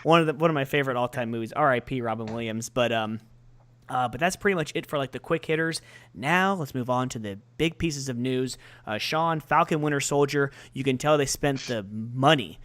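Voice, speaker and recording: A man co-hosting a comics podcast, talking in a loose, excitable, rambling way. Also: mid-range voice, a little fast. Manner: excitable, rambling, quotes movie lines in put-on voices. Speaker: podcast co-host. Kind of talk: casual chat about comics and movies.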